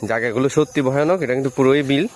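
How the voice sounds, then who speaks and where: A man's voice: medium pitch, rapid-fire, a little mellow, slight background noise. A man, chatting to his viewers while fishing at a rural wetland, recorded on a phone. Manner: chatty, addresses viewers directly. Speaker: fishing vlogger. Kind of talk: casual vlog chat to viewers.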